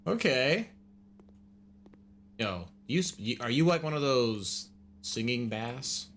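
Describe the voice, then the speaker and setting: A man's voice: mid-range voice, lively intonation, slow, fairly bright tone, slight background noise. A man doing casual, jokey gaming commentary as a let's play host, full of slang.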